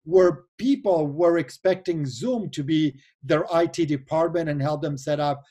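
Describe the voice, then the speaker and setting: Talking earnestly at a measured pace, the venture capital guest has a mellow voice on the high side. He is an Argentine man in his forties with an Argentine Spanish accent, interviewed remotely by video.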